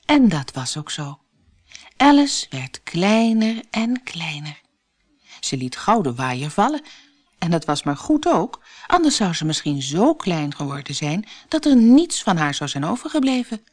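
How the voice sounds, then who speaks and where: Lively Dutch woman reading a storybook. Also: low voice, moderate pace. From Netherlands. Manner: lively, expressive narration.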